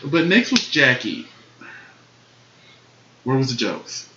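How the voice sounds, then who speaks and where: Animated man in casual review chat. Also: medium pitch, takes it slowly, noisy background. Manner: animated, laughs loudly and often. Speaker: co-host reviewing a TV competition show. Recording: dull, roomy home recording.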